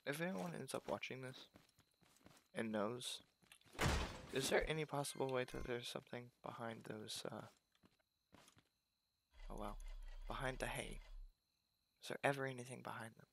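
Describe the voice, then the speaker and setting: A man's voice: medium pitch, moderate pace, gravelly, long pauses, fairly bright tone, slight background noise. A man casually commenting on his own gameplay, thinking aloud and talking to himself as he plays.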